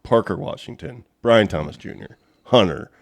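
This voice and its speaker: A man's voice: on the low side, moderate pace, gravelly, dry recording. A man co-hosting a fantasy football podcast, talking casually with bold opinions and some swearing. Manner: animated, swears, bold predictions. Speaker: podcast co-host.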